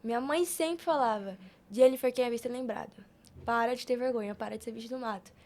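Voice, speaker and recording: On a podcast, a young woman guest with a Brazilian accent chats informally and shares personal stories. Her voice sits on the high side, a little mellow, and she talks fast.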